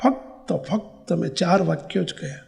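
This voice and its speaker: A man's voice: a little high, moderate pace, creaky, darkish tone. A man with a Gujarati accent who is a monk preacher, telling a story in a sermon and acting out the dialogue.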